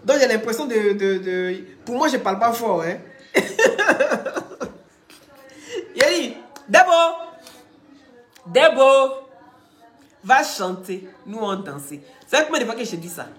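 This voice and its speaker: A woman with a head cold, ranting loudly on a live stream, teasing and scolding. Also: mid-range voice, lively intonation, normal speed, hardly any pauses, reverberant. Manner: talks loudly, teasing and scolding, often laughing. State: head cold, blocked ears. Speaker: live streamer and gossip commentator. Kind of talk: casual live-stream rant.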